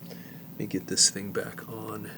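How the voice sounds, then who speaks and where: The recording is very noisy as a middle-aged technician, slow and lowish-voiced, shows a cassette repair in his workshop. He stays relaxed, thinking out loud while he works, with restarts and asides.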